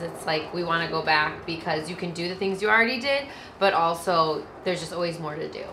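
A woman in her thirties chatting casually as a travel vlogger, seated outdoors beside a camper with a relaxed, friendly manner. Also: on the low side, background noise. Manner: relaxed, friendly, with easy laughs.

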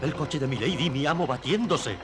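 A man's voice: a little high, fairly quick, music in the background, close to an everyday voice. An actor voicing a cowardly, fawning male servant henchman in a dubbed cartoon, pleading and servile.

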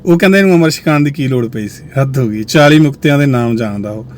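A male host talking to viewers in a musing way, often sinking to a low quiet voice. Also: quick pace, slight background noise. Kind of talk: reflective commentary to viewers.

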